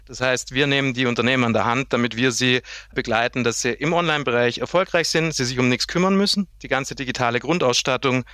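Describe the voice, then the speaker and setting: Man, 30s, from Germany, sales director as guest; bright tone, dry close sound, lively long explanations. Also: medium pitch, quick pace, few pauses, no room sound. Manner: lively, explains at length with acted-out client quotes. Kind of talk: casual interview chat.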